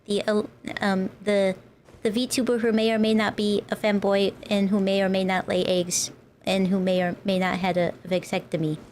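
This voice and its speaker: A woman's voice: medium pitch, level tone, normal speed, a little mellow, slight background noise. A woman livestreamer chatting casually while she plays a game, with a playful, cute anime-streamer manner. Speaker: livestreamer, VTuber host. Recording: music playing behind the voice.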